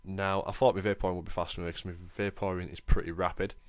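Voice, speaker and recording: A young man talks through his game in a relaxed, self-deprecating way, as the host of his own channel. His voice sits very low, and the sound is close and dry with no room to it. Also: fast, dry recording. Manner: chatty, self-deprecating, lightly excitable. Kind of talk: casual game commentary voice-over.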